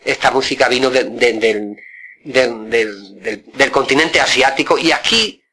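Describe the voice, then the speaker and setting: Older guy rambling on, stutters repeats, keeps asking "right?", bright tone. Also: medium pitch, unhurried, a little hiss or hum. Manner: rambling, repeats words, frequent tag questions. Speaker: interviewee, flamenco guitarist. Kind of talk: casual reminiscing.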